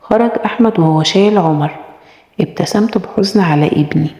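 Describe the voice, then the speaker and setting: A woman's voice: on the low side, fairly quick, mellow. Egyptian woman narrating a story, echoey. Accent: Egyptian Arabic. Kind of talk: first-person story narration. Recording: echoey room with long reverb.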